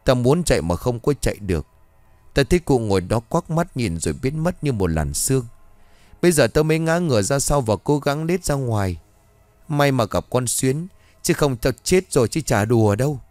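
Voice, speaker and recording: Ghost-story reading: bossy old mistress of the house, sharp-tongued and scolding, as voiced by a man narrator, lively pitch, dry close sound. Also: moderate pace, no echo, faint music behind, close to an everyday voice.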